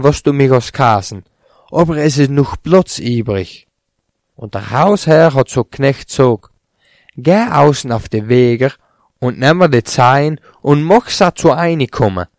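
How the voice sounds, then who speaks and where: A man reading a Bible chapter aloud in a steady, plain voice, lifting slightly on quoted speech. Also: medium pitch, no echo, studio quality. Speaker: scripture reader.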